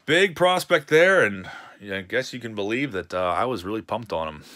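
A man's voice: lowish voice, very animated, normal speed, a bit bright. A man, casually chatting with a live-stream chat while opening card packs at a home desk. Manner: chatty, reads chat messages aloud with laughs.

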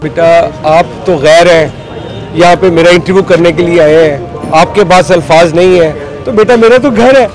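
A middle-aged man from Pakistan, a leader of market traders, pleads in an agitated way during a street interview, gesturing hard as he speaks into a handheld reporter mic. His voice sits high and he talks at a normal speed. The recording, made outdoors on a busy city street, is low-quality, with soft background music.

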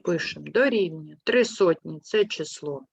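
A woman teaching a primary school class, patient and clear, asking questions and gently correcting her pupils. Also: expressive, normal speed, dry recording. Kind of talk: online class lesson. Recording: muffled low-fidelity sound.

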